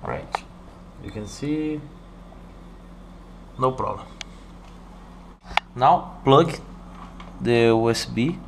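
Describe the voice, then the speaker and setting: This is a hands-on walkthrough by a Brazilian hobbyist showing off his hardware setup from a desk in a room. His English comes haltingly, shaped by a Brazilian Portuguese accent, with frequent "uh" fillers and pauses to ask "okay?" in his mid-range voice, and a faint hiss or hum runs under the audio.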